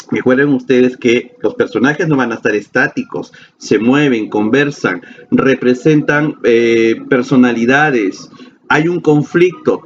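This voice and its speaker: Playful teacher guy from peru, asks and answers himself, kinda dull lo-fi sound w faint hum behind. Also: mid-range voice. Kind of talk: classroom lecture video.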